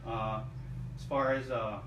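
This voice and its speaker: A man from Oahu, Hawaii, a drummer answering interview questions in an easygoing way with many pauses. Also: mid-range voice, fairly even intonation, a bit bright. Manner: easygoing, hesitant with many uhs. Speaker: guest, drummer. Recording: roomy far-off mic with faint noise.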